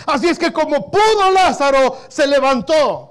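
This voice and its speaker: A male pastor with a strikingly high voice delivers an impassioned sermon. He swings from near-whispered lines to loud, urgent calls. He keeps turning to the congregation as his brothers. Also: expressive, moderate pace. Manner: addresses listeners as brothers.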